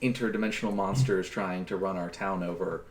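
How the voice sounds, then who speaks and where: A man's voice: deep voice, steady tone, moderate pace, darkish tone, reverberant, a little hiss or hum. A man playing a tabletop game who talks animatedly and laughs often. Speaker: player. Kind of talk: tabletop game play, casual chat.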